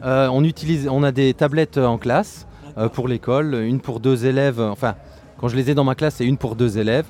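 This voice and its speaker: A man's voice: medium pitch, fairly even intonation, moderate pace, a little mellow. A man, a primary school teacher, co-hosting a podcast in an easygoing, casual way. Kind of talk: casual conversation.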